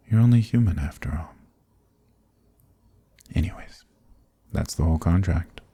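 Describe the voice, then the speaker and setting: A man's rumbling low voice, exaggerated and dryly recorded, brings to life a smug ancient archdemon for a dark fantasy ASMR roleplay. Amused and condescending, he speaks in a breathy murmur, teasing with unhurried politeness.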